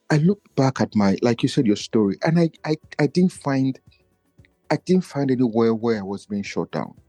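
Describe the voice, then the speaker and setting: A Nigerian man appears as a podcast guest in a reflective personal conversation, speaking earnestly and searchingly and often restarting his thoughts. His voice is dark in tone and low, and he feels it does not carry. The recording is dry.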